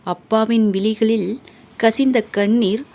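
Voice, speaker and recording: A woman narrating a story in a calm, measured way. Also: on the high side.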